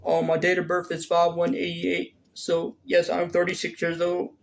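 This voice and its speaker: A man's voice: high-pitched, monotone, moderate pace, gravelly. A man in his thirties answering viewer questions in a casual vlog, hesitant and full of fillers and restarts. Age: 30s. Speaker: vlogger.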